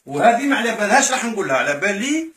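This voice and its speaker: A crowd can be heard behind this man, whose high voice races along as he vlogs a charity visit in an Algerian Arabic accent. Excited, he keeps up a running commentary and thanks the donors, his casual to-camera talk echoing with faint noise.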